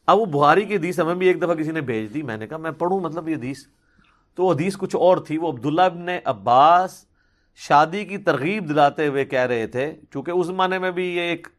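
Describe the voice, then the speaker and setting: A man giving a religious question-and-answer talk, reasoning patiently and pressing hard on his key points. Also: mid-range voice.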